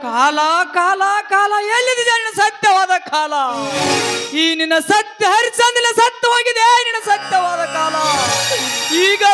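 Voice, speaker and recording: A man's voice: very high voice, unhurried. A stage actor playing a grieving, wounded farmer who wails and declaims his misfortunes. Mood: anguished. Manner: wailing, declamatory, sobbing. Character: grieving wounded farmer, a wronged young man. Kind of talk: folk stage drama acting. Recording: live stage with loud music.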